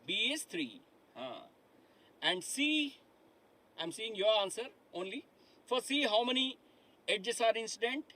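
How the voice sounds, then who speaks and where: A middle-aged man teaches live online from a studio with a dark digital board, his high-pitched, sharp voice swinging widely in pitch as he speaks unhurriedly with long pauses. The audio is poor, and he repeats himself, questions the class and keeps referring to them as "my dear friends."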